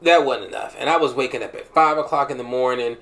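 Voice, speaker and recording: A man's voice: medium pitch, quick pace, fairly bright tone. A man in his thirties, hosting a show and telling a personal testimony with humor and emotional swings. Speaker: podcast host sharing a testimony.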